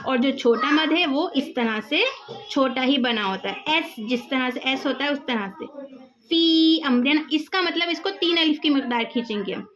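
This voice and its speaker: High-voiced woman teaching Quran recitation. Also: lively intonation, fairly bright tone. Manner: patient, repeats examples slowly, drawn-out demonstrations. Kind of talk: tutorial on recitation rules.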